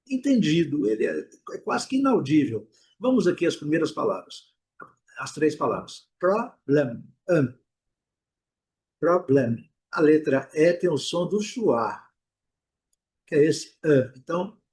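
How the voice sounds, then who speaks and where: A husky, slightly breathy Brazilian man with a fairly high voice gives a pronunciation lesson. He says each example word slowly, several times, and stretches the vowels. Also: a little mellow. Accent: Brazilian Portuguese. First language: Portuguese. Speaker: English teacher.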